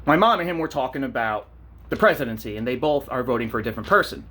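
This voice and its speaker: A man's voice: medium pitch, lively intonation, quick pace, a bit bright. A man ranting on a vlog, blunt and profane, telling stories and asking rhetorical questions. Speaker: vlogger.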